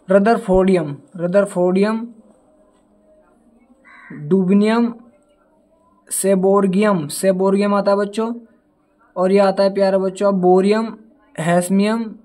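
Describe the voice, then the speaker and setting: A man's voice: sits high, warm tone. A young man teaching a casual chemistry lesson, chatty and fond of calling his students dear children, stumbling and apologizing over hard element names. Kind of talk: casual classroom lesson with mnemonics.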